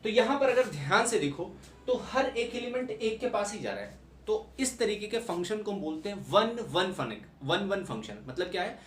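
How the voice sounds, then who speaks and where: A man's voice: sits high, very animated, normal speed, a bit bright. A young man teaching maths in a classroom-style lecture, repeating key points and checking understanding with rhetorical questions. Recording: echoey room, mic at a distance, background noise.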